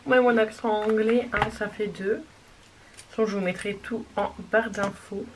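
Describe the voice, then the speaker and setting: A woman showing off a makeup haul in a casual, gushing way, sometimes dropping to a soft whisper. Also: mid-range voice, steady tone, a little slow. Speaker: beauty vlogger. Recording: distant mic with clear background noise.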